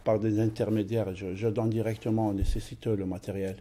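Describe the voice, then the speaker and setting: A man's voice: fairly low pitch, little pitch movement, brisk, warm tone. An older man from Algeria, a guest in a studio interview, who hesitates and repeats his words.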